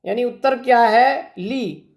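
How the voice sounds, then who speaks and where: A male Hindi teacher with a very high-pitched, creaky voice speaks slowly through an exam-prep grammar lesson. He goes through each answer step by step, posing rhetorical questions and answering them himself.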